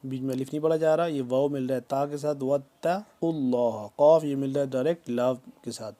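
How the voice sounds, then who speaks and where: Man slowly reciting and explaining tajweed. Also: mid-range voice, fairly even intonation, warm tone. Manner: recites verses slowly and drawn out, then explains letter rules in quick plain speech. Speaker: Quran recitation teacher. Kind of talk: tajweed lesson, slow word-by-word recitation.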